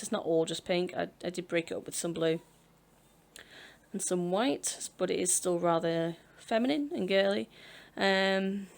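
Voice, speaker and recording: Casual gameplay chat comes from a Sims speed-build YouTuber, a British woman in her twenties with a medium-pitched voice and vocal fry. She's rambling and chatty, pokes fun at herself, and laughs frequently as she works on the build.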